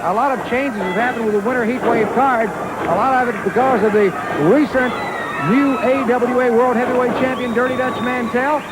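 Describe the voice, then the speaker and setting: A man's voice: extremely high pitch, fairly even intonation, moderate pace. A man hosting a live wrestling broadcast from a desk in the arena. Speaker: wrestling TV host and commentator. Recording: noisy arena crowd behind the voice.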